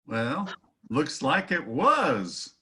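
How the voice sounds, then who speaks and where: An actor playing a bold, boastful cowboy hero, declaiming in a stage melodrama. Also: male voice, a little high, huge pitch swings, drawn-out words, bright, forceful tone, slightly rough, exaggerated voice. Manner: heroic, declamatory. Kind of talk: hammy stage melodrama acting.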